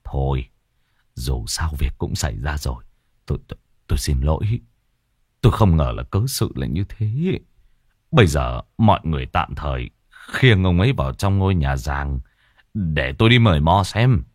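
A weary old village chief with a low, heavy voice, as a male storyteller puts him on. He talks in a tired, gruff way. The room sound is dry. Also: very animated, moderate pace, a little mellow, no room sound, heavily acted.

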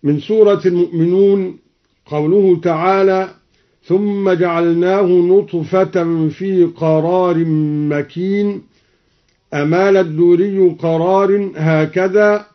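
A man teaching Quranic reading variants in a radio lesson, explaining each variant and then reciting the verse in a measured, drawn-out way. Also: high voice, fairly even intonation. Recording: dull old radio broadcast recording.

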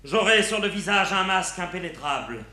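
An actor playing a suave, mock-pious playwright and secret suitor in a classic French stage comedy, declaiming theatrically. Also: male voice, sits high, animated, moderate pace, pushed and bright, full character voice. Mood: mock contrition. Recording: echoey room, faint noise.

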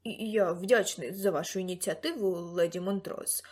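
A woman's voice: lowish voice, moderate pace, a little mellow, pitched below the performer's own voice, lightly acted. A woman voicing a stiff, formally polite young man.

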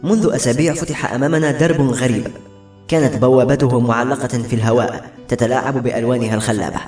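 Fast-reading male storyteller. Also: medium pitch, steady tone, darkish tone. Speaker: narrator. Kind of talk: scripted narration. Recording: echoey room with faint music.

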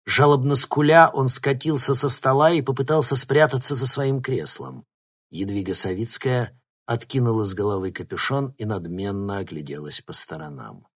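A man reading an audiobook in steady, dramatic narration. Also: fairly low pitch, moderate pace, breathy edge. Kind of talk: scripted narration.

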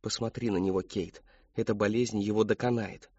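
Audiobook: cold nagging inner voice, read by a man, low and husky, hushed and insistent, muffled. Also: fairly even intonation, normal speed, dry recording. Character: hushed cold nagging voice inside a mother's head.

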